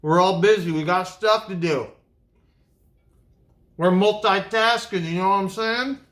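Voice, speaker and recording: An upbeat man chats casually to his viewers as host of his own vlog, snacking between lines. His voice sits high for a man and rings bright and forceful. The sound bounces around an echoey room. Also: measured pace. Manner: upbeat, chatty, talks to viewers while snacking.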